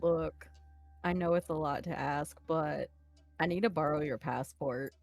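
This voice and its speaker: A woman's voice: deep voice, a little slow, darkish tone, faint music behind. A woman reading a desperate, pleading fugitive. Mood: urgent. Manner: urgent, pleading, ranting. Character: desperate adult fleeing government seizure. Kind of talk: reading game dialogue aloud.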